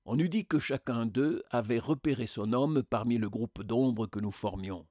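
A man reads a literary tale aloud as an audiobook, measured and even in his delivery. His voice sits at a middle pitch. The recording is dry and close. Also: no room sound. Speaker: narrator. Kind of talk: audiobook narration.

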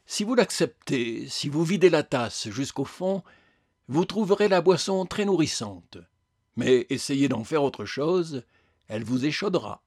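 Brief: man doing a calm, firm spirit, measured and gentle. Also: on the high side, slightly rough, no room sound, studio quality, full character voice. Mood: patient. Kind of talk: audiobook character voice.

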